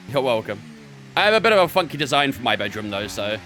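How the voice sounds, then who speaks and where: Young guy chatting w/ his stream chat while racing, bright forceful voice, faint music behind. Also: on the low side, big pitch swings, moderate pace. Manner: chatty, answers chat between laps. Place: bedroom.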